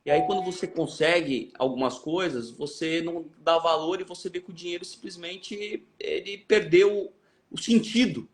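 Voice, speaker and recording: A man's voice: fairly high pitch, moderate pace, slight background noise. A man with a Brazilian Portuguese accent, hosting a podcast and reasoning aloud in a thoughtful, hesitant way. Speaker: podcast host. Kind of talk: reflective interview talk.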